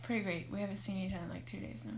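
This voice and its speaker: A teenage girl co-hosting a casual podcast, laughing and tossing in deadpan quips. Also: medium pitch, very fast, roomy sound, background noise. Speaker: podcast co-host. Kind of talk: casual chat.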